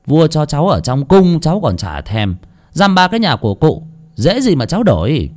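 A man's voice: on the high side, sing-song, normal speed, darkish tone, voice pushed up. A man doing cheeky peasant boy Bờm, cocky. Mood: mocking. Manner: mocking, cocky.

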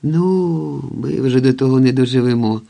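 A man's voice: mid-range voice, lightly acted. A man voicing Zoya, a cheerful, curious woman who chats with her guest in an audiobook. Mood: chatty. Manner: lively, chatty, asks quickly. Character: cheerful, curious middle-aged woman host.

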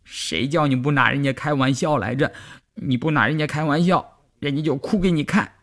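A man voicing a playful teenage girl soldier who is quick to cry, in a high, childish, petulant voice. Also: lively intonation, exaggerated voice. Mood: sulky.

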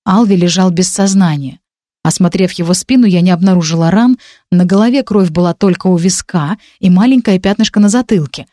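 A woman narrating a first-person audiobook, expressive and animated, pushing her character's lines with urgency. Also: on the low side, a little fast, no room sound, studio quality.

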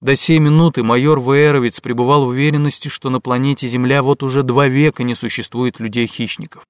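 Steady male audiobook narrator. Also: mid-range voice, a little fast, no room sound, clean studio sound. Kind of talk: scripted narration.

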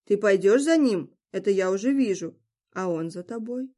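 A woman's voice: mid-range voice, lively intonation, normal speed, warm tone, close to an everyday voice. A woman reading the part of a teasing trickster god with a theatrical, mocking delivery. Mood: sly. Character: sly mocking trickster god, male, grown man.

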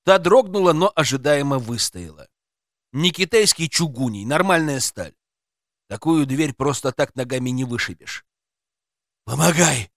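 A man's voice: medium pitch, expressive, moderate pace, fairly bright tone, no echo. Man narrating a tense first-person story. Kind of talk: audiobook narration.

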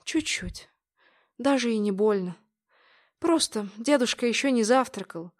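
A woman's voice: a little high, animated, measured pace, a little mellow. A woman voicing a frail, wry old grandfather. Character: elderly grandfather, frail but cheerful. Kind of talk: audiobook character voicing.

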